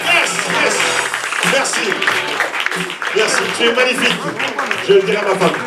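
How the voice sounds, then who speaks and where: Swiss French male stand-up, lively and self-mocking, distant mic in a roomy club. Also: sits high, normal speed, over loud music, over a noisy crowd. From Switzerland. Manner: animated, self-mocking storytelling. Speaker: stand-up comedian. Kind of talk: stand-up comedy routine. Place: small comedy club stage. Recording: echoey club, far mic, audience. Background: audience.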